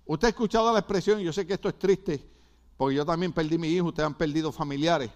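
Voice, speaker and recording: A middle-aged pastor from Puerto Rico preaches in a Puerto Rican accent, with a high-pitched voice. He hammers his points home by repeating phrases and keeps turning to the congregation with quick asides. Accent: Puerto Rican Spanish. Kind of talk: sermon.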